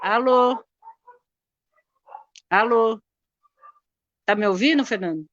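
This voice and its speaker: A woman's voice: a little high, slow pace, fairly bright tone. A woman on a call line that is dropping out, repeatedly asking if she can still be heard. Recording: dull lo-fi call audio, dry.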